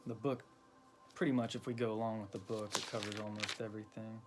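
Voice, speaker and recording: A man explaining a ritual step by step in a loose, halting way, with many ums and you-knows. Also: fairly low pitch, flat delivery, over music. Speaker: occult teacher. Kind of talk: casual explanatory lesson.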